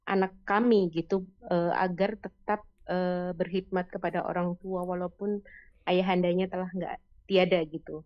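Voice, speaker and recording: A woman's voice: fairly low pitch, level tone, moderate pace, no echo, dull audio. A woman calling in to ask a question, hesitant and searching for words. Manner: hesitant, many fillers. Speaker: caller. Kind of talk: asking a question.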